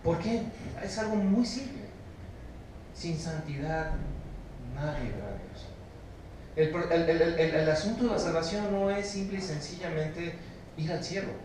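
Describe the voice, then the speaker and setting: A Mexican pastor delivers a sermon, rising to forceful calls and dropping to low, hushed emphasis as he puts questions to his listeners. His fairly high voice carries in a very echoey church. He is picked up from a distance, with a faint room hum behind him. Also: animated, a little slow. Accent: Mexican Spanish. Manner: emphatic preaching, swinging from loud exhortation to low, hushed stress; asks the congregation questions. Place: church sanctuary.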